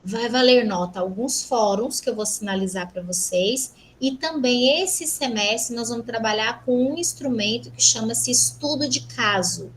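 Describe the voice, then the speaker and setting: A Brazilian woman lecturer teaching an online class, brisk and teasing, asking rhetorical questions. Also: on the high side, animated, a little hiss or hum, poor audio. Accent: Brazilian Portuguese. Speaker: university lecturer.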